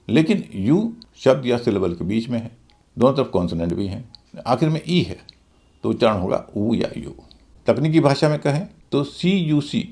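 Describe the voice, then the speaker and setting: A man's voice: mid-range voice, warm tone. A middle-aged man teaching English pronunciation, spelling out words letter by letter and explaining the rules step by step. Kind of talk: Hindi-language English lesson.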